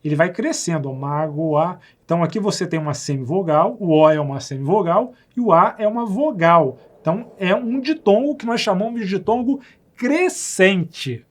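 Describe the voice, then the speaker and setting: Brazilian male teacher, slightly raised pitch, patient and repetitive recorded lesson delivery. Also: animated. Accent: Brazilian Portuguese. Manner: patient, repeats words slowly and checks with the viewer.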